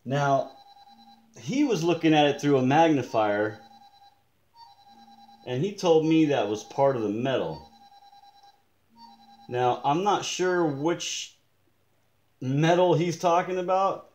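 A man showing close-up magnified damage on a watch he bought, talking slowly and deliberately, now and then muttering in frustration at his gear. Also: a little high, darkish tone, roomy sound, highs cut off, soft background music. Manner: slow, deliberate, pointing things out, occasional frustrated mutters. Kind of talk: casual show-and-tell demonstration. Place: indoors at a desk in a room.

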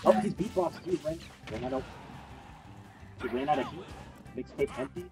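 A young man doing jokey live play-by-play commentary on a fighting game match, bursting into yells at big plays. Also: fairly high pitch, expressive, moderate pace. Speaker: esports commentator. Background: game music and sound effects.

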